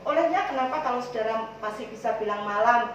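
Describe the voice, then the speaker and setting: A high-pitched woman pastor with an East Javanese accent, talking chattily to her congregation and slipping into little acted-out conversations. She is heard from a distance in a strongly echoing church hall, the sound a bit dull, with faint room ambience behind her. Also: moderate pace, a little hiss or hum. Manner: chatty, addresses listeners as "saudara" constantly, acts out dialogues. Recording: echoey church hall from far off.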